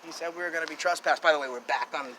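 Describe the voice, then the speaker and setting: A man filming police as a first amendment auditor, talking loudly and lecturing the officers outdoors. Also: fairly high pitch, very fast, crowd noise, low-quality recording. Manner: loud, confrontational and lecturing.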